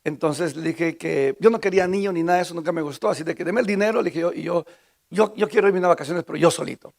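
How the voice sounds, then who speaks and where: High, gravelly preacher man. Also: fast. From Guatemala. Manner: conversational, asks the congregation questions, repeats and restarts words. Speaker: pastor. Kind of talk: sermon.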